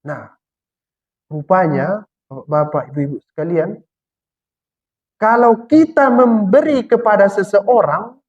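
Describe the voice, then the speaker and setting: Delivering a sermon of Quranic exegesis, a high-voiced man asks the congregation questions and then answers them himself, slowing right down whenever he recites verses. The recording is dull and lo-fi.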